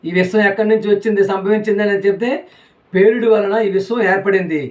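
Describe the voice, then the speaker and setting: A man's voice: high-pitched, steady tone, fast, a little mellow. A man preaches a sermon. He keeps asking his listeners rhetorical questions and says the same lines again and again for emphasis. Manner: rhetorical questions, repeats phrases.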